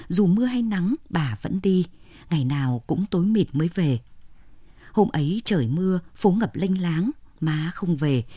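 A woman, narrating a story in a plain, steady way. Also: on the low side, husky, no echo. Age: 60s. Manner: plain, steady telling with lists of short phrases.

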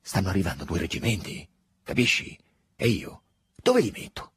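A man reading the part of a hurried, overbearing lieutenant colonel in an audiobook, brisk and falsely cordial. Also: low voice, huge pitch swings, fairly bright tone, breathy edge, no echo, studio quality, exaggerated voice. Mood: insistent. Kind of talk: audiobook dialogue.

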